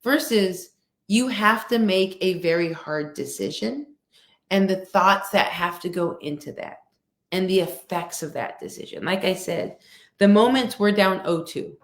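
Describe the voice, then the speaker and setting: Woman guest, mid pitch, measured and emphatic, video call, roomy echo. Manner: steady, measured delivery; emphatic, rhetorical "right?". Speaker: guest speaker. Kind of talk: conversational interview answer. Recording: echoey room.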